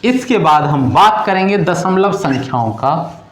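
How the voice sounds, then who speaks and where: A man's voice: a little high, expressive, measured pace, fairly bright tone, reverberant, a little hiss or hum. A male teacher who explains a math lesson to children patiently, repeating each step and calling the students "beta".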